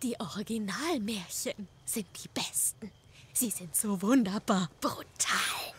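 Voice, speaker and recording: A woman voicing an eager young storybook-loving girl with a morbid streak in an animated film, speaking in a knowing way. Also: a little high, moderate pace, background noise, natural voice. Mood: morbid delight. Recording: music under the voice.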